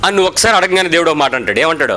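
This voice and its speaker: A male pastor preaches with a high, bright, forceful voice. He talks in an animated way, questions the congregation and acts out their prayers. Faint music plays behind him. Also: racing. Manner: mixes English words into his preaching. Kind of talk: sermon.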